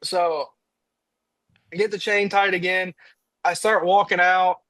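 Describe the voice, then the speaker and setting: Higher-voiced man from Indiana telling stories. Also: slow pace, dry recording, poor audio. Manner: lively storyteller who acts out his own quotes. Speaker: podcast guest, diesel truck racer. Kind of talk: casual storytelling chat.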